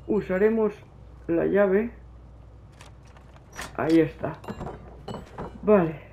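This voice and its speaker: High-voiced Spanish gamer from Spain. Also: male voice, extremely slow, creaky, phone-quality sound, a little hiss or hum. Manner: talks to his game character, nervous pleading and outbursts. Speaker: gaming youtuber. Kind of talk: let's play commentary.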